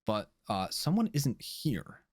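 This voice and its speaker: A man's voice: medium pitch, very animated, slow pace, breathy edge, dry recording, clean studio sound. A man running a tabletop game as game master, narrating casually with lots of fillers.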